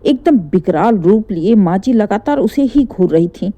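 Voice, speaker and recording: A woman's voice: medium pitch, moderate pace, dull audio. Woman telling a dramatic family story. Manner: expressive, dramatic reading. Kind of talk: scripted story narration.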